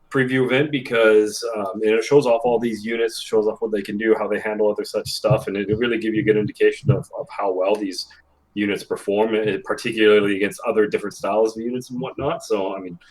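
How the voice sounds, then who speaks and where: A man's voice: lowish voice, steady tone, quick pace, a little mellow, poor audio. A man, a guest on a gaming podcast, talking at length in a rambling way with many fillers. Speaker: guest, influencer manager. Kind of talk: casual podcast chat.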